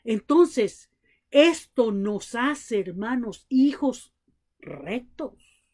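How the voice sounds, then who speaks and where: A woman's voice: on the high side, expressive, very slow, darkish tone. A woman preaching a sermon to a congregation, telling family stories and acting out the dialogue. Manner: addresses the congregation as brothers, acts out family dialogue.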